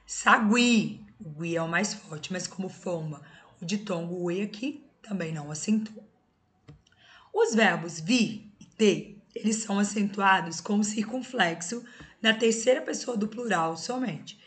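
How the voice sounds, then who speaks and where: A woman's voice: medium pitch, a little slow. A woman teaching an exam-prep grammar lesson, explaining step by step and often checking in with her students. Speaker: Portuguese teacher.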